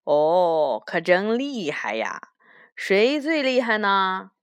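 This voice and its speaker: A woman voicing a bearded, doubtful grown-up storybook figure in a lower, drawn-out voice. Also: very animated, clean tone, no echo. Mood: impressed. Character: bearded grown-up creature, doubtful, slow-spoken.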